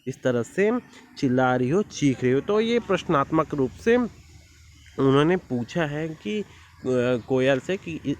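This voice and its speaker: Hindi teacher explaining a poem. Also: male voice, on the high side, animated, darkish tone. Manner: explains word by word, often asks "है ना?"; recites verse lines slowly. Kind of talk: classroom poetry lesson.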